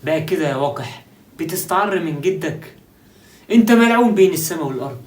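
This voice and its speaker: A man's voice: a little high, lively intonation, a little fast, reverberant, lightly acted. A man with an Egyptian accent playing a stiff, old-fashioned grandfather who scolds in formal, pompous phrases. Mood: scolding. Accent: Egyptian Arabic. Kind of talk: sketch comedy acting.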